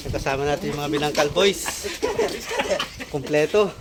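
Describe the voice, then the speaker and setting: A man's voice: a little high, moderate pace. A man from the Philippines hosting an outdoor fishing vlog, casually greeting viewers as idols while introducing his crew. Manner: greets viewers as idol, shouts and cheers at big catches. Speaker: fishing vlogger host. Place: outdoors by a flooded field. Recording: outdoor noise behind, rural ambience.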